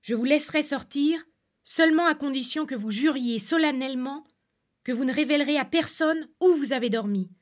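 A woman doing an old snake king from a storybook, stern and commanding, his lines set a little higher and louder than her narration. He speaks slowly and solemnly, never yielding. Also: close to an everyday voice.

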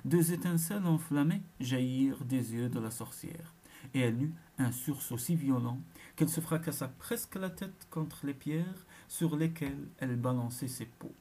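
A storyteller reading a folk tale aloud, unhurried and expressive. The voice is mellow and dark, sitting at a middle pitch. Each phrase is given its own shape.

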